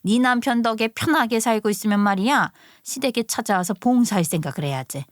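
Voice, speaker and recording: A domineering older mother-in-law, put on by a woman, snapping out contemptuous orders in a radio story drama. Her voice sits a little high and is recorded dry and close, with no room around it. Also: a little fast, dry recording, lightly acted. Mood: scornful. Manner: scolding, bossy and scornful.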